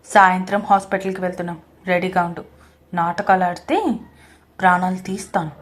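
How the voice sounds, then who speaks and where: A harsh young husband, as a woman acts him out, who barks orders and threatens. His voice drops low and cold when he warns, rising only when he yells. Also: little pitch movement, brisk, lightly acted. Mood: menacing. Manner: yelling, threatening.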